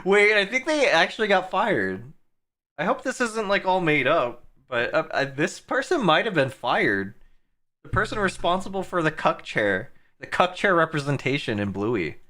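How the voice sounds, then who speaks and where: A man's voice: fairly high pitch, very animated, normal speed, pushed and bright. A man streaming live, reacting to clips with crude jokes and frequent laughter. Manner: crude, joking, laughs often. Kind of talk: casual live-stream commentary.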